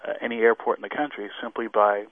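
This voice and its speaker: A man with a lowish voice talks very quickly over a thin, phone-like line. He is an expert guest on a radio interview, explaining points formally with examples. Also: fairly even intonation, no echo. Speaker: airline safety expert guest. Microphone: remote line into radio show. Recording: narrow tinny phone-like line.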